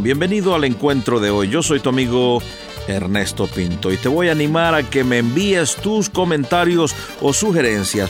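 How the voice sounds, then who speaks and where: A man hosting a radio interview, asking gentle, probing questions and affirming his guest with short interjections. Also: mid-range voice. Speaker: radio host.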